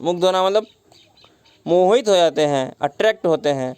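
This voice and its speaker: A man's voice: sits high, animated, moderate pace, darkish tone, clear, resonant tone, no echo. A man teaching a story lesson, retelling each line and glossing words with simple synonyms, mixing in English words. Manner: mixes English words into the explanation.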